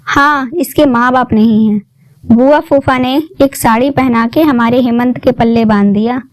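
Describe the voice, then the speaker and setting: A woman voicing a harsh, scolding middle-aged mother-in-law who shouts and taunts. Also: a little high, moderate pace, no room sound, lightly acted. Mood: scornful.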